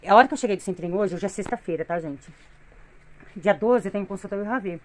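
Talking fast in a medium-pitched voice, a middle-aged Brazilian Portuguese-accented woman complains in a tired way. She's a vlogger and mother of three, filming a casual home vlog on her phone in her living room.

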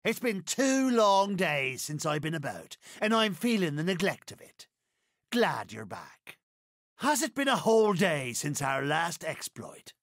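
A man voicing a sly, grandly courteous pirate captain in a video game, gravelly, with theatrical, drawn-out archaic pirate speech. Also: high voice, fairly bright tone, no echo, clean studio sound, exaggerated voice. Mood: courteous, wry. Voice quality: gravelly, creaky. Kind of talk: video game character voice lines.

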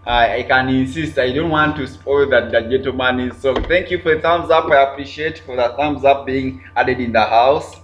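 A man's voice: mid-range voice, steady tone, moderate pace, hardly any pauses, a bit bright. A man hosting a casual livestream, chatting, repeating himself and greeting viewers by name. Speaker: livestream host. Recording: roomy, dull lo-fi sound with faint hum.

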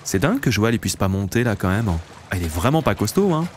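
A man's voice: lowish voice, sing-song, fast talker. A man in his late twenties hosts a let's play, chatting casually to viewers as he plays. He talks in an easy, loose way. A faint hiss sits behind his voice. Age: late 20s. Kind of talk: casual gameplay commentary.

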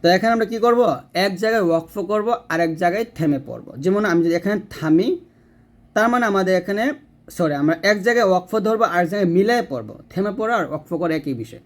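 A man's voice: high voice, quick pace. A man teaching Quran reading in a spoken lesson, patiently explaining and repeating words. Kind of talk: casual spoken lesson with slow recitation examples.

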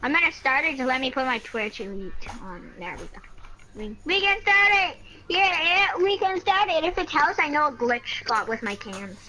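Brief: high, bright-voiced woman gamer, excitable, teasing banter over a headset. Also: normal speed, rough recording. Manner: excitable, teasing, repeats herself. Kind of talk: casual gameplay chat. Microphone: headset mic.

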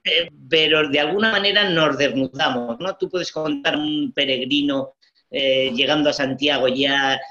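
A man's voice: fairly high pitch, moderate pace, bright, forceful tone. A man in his sixties, a Spanish pilgrim and writer, speaking reflectively on a video call from home, often repeating words. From Spain. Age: 60s. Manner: thoughtful, repeats words, frequent "eh" and "¿no?". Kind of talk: reflective interview talk. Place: home room with glass cabinet. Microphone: webcam on video call. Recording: muffled video call audio.

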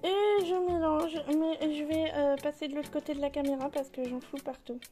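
A woman's voice: high-pitched, steady tone, moderate pace, dark tone, faint music behind. A woman in her thirties casually talking through a home cooking tutorial in her kitchen, chatty and full of fillers. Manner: chatty, many fillers, laughs at herself. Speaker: home cook vlogger.

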